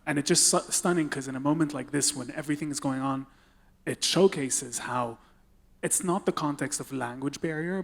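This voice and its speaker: A man's voice: mid-range voice, gravelly. A man interviewing a singer, asking long, admiring questions.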